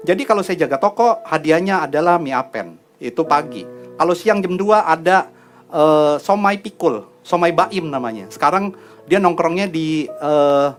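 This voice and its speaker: Middle-aged preacher, storytelling sermon, slightly high voice, soft music underneath. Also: male voice, lively intonation, moderate pace. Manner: chatty storytelling with asides to the congregation. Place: church hall.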